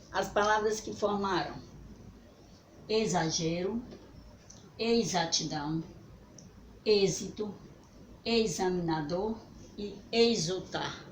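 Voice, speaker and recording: A woman teacher talks to young children slowly and deliberately in a fairly low voice, stretching each word out syllable by syllable. She keeps checking in with short tag questions. The recording is echoey, with clear noise behind her. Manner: drawn-out syllable-by-syllable pronunciation, frequent "certo?" and "né?" check-ins. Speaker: primary school teacher. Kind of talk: slow, deliberate spelling lesson for children. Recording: echoey room with background noise.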